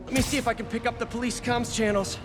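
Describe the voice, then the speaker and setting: High-voiced, wry young superhero. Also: male voice, flat delivery, fast talker, over loud music. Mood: earnest, concerned. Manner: conversational, wry, quippy asides to himself. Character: earnest, wisecracking young male superhero.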